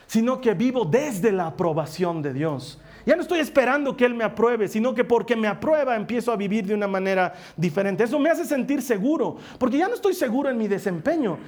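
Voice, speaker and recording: A man preaching a sermon as a pastor, emphatic, slowing down dramatically and dropping to a soft voice on key phrases. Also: high-pitched. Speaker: pastor and coach.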